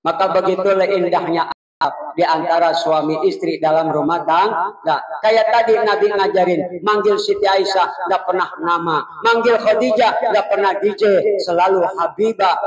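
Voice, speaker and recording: A man's voice: high-pitched, steady tone. A male preacher giving a humorous, folksy Maulid sermon in a mosque. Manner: joking, folksy, drawn-out religious phrases. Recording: echoey, dull, distant mosque PA.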